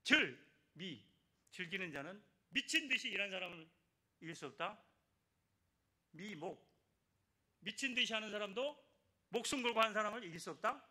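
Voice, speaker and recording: A man's voice: high-pitched, expressive, normal speed, pauses often, bright, forceful tone. An older man, a church elder giving an evangelism testimony and exhorting the congregation with repeated phrases and calls for response.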